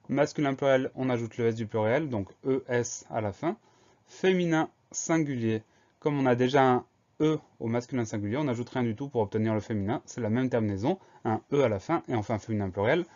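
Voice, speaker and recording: A man teaching a spelling lesson, explaining each word calmly and spelling it out letter by letter. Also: mid-range voice. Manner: patient, methodical, spells out letter by letter. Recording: slightly dull lo-fi recording.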